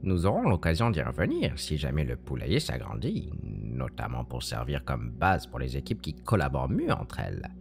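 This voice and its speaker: A woman's voice: very deep voice, huge pitch swings, moderate pace, gravelly, hardly any pauses. A woman presenting a scripted, playful explainer in a theatrical, teacherly manner. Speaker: podcast presenter.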